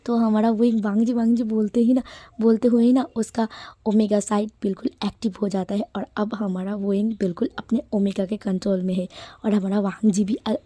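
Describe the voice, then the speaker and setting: A woman's voice: medium pitch, mellow, dry recording. A woman casually telling her own fan-fiction story in a chatty, informal way, repeating phrases as she goes.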